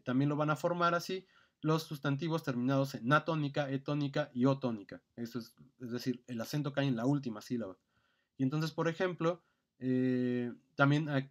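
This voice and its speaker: A middle-aged man giving a recorded grammar lecture, methodically listing examples with fillers and self-corrections. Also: mid-range voice.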